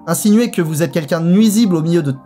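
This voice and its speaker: A man telling a story in a casual vlog, lively and colloquial, and speaking straight to his viewers. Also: a little high, fast, faint music behind.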